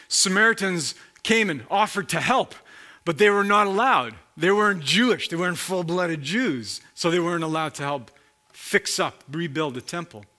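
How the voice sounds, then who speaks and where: A man preaching a sermon, slowly explaining a Bible passage and posing rhetorical questions. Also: high voice, bright, forceful tone. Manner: slow, reflective Bible teaching with rhetorical questions.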